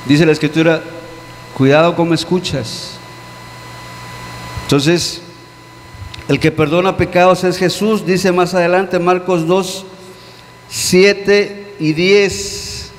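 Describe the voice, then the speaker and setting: A high-pitched man preaches an earnest sermon, pressing his listeners with questions and sinking low on key words. His voice rings with a long reverb through a church hall, over a faint electrical hum. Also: fairly even intonation, slow, long pauses. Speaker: pastor.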